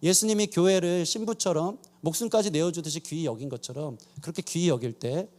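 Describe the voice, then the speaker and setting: A man's voice: fairly high pitch, brisk, a little mellow. A man preaching a sermon as pastor, telling stories about his own marriage with self-deprecating humor. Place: church sanctuary.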